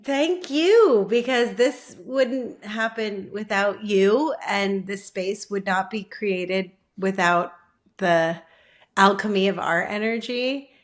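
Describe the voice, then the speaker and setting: A woman's voice: mid-range voice, slow. A woman actor talking as a podcast guest in a casual, gushing way, laughing easily. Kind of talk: casual chat.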